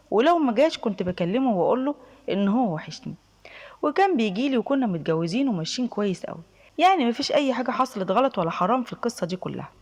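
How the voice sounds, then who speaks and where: A woman's voice: a little high, darkish tone. A young woman with an Egyptian accent telling a first-person story in a confiding, emphatic way.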